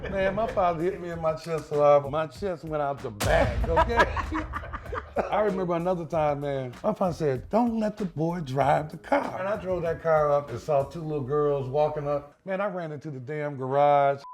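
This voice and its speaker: A man's voice: a little high, moderate pace. A man in his sixties who tells stories loosely and laughs often while showing his home. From United States. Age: 60s. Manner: laughing, animated storyteller. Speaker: interviewee, homeowner. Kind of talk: casual storytelling during a house tour.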